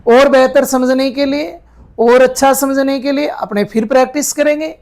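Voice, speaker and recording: A man teaching an English grammar lesson, patiently dictating words slowly and checking that his students follow. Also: extremely high pitch, fairly even intonation, darkish tone. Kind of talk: Hindi-medium grammar lesson.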